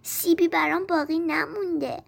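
A woman voicing a gentle, loving old tree in a storybook reading, speaking softly and tenderly. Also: very high voice, steady tone, creaky, heavily acted. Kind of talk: storybook narration.

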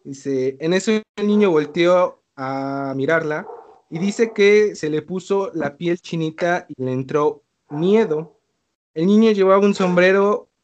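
A young Mexican man on a casual chat show, telling a listener's eerie story in loose slang and laughing now and then. His voice sits a little high for a man. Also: muffled recording. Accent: Mexican Spanish. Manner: slangy, laid-back, laughs between lines. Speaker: podcast co-host reading a listener's story.

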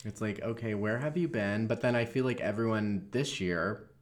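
A woman's voice: rumbling low, moderate pace. A woman co-hosting a podcast in casual chat. Her talk is laid-back, with trailing sentences and frequent "like" fillers. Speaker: podcast co-host.

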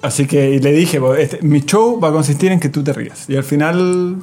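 A young adult man with a Chilean accent, a stand-up comedian recounting a show in relaxed, slangy chat. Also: on the high side, moderate pace, soft background music. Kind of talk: casual chat.

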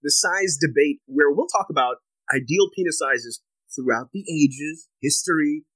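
A man's voice: a little high, moderate pace, a bit bright, husky, no room sound, poor audio. A young man hosting a casual podcast, joking and playful with teasing wordplay. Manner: playful, jokey, alliterative wordplay. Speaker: podcast host.

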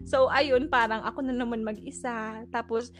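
A young woman recounts a story in casual chat. Her voice sits high, and she laughs often and acts out the lines of the people in it. Music plays clearly behind her. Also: steady tone, moderate pace. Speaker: guest telling a story.

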